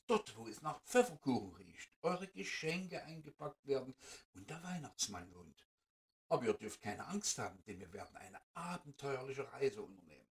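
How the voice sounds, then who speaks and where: A man voicing a kind, gentle fairy who speaks softly and calmly, recorded from a distance. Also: moderate pace. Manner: soft, low and calm. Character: kind gentle fairy woman, soothing and patient.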